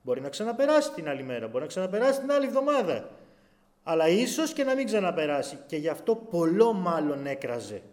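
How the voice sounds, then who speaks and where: A man preaching a sermon to his congregation. His voice drops low and quiet, then rises loud, and he acts out pleas with a raised voice. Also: big pitch swings. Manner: dramatic swings between hushed and loud delivery.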